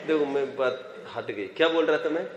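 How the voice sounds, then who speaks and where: Male religious teacher, high voice, long reverb, conversational lecturing. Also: normal speed, lo-fi sound, a crowd in the background. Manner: conversational, quizzes students, mixes in English phrases. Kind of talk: scripture class lecture. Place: classroom or hall with students. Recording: echoey hall, long reverb.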